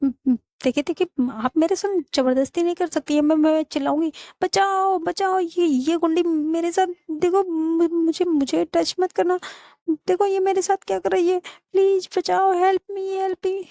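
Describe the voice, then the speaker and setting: A dramatic, easily panicked young woman, put on by a female storyteller, her voice squeaking high and shrill. She stumbles over her words and repeats them in a close, dry sound, with a soft, mellow tone underneath the squeal. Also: a little fast, dry recording, lightly acted.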